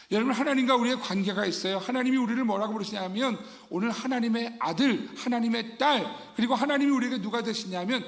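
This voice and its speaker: A man's voice: a little high, gravelly. A man preaching a sermon as pastor, fervent and dramatic, acting out scenes for his congregation. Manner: fervent preaching, acts out weeping Mary. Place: church sanctuary. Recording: long church-hall reverb.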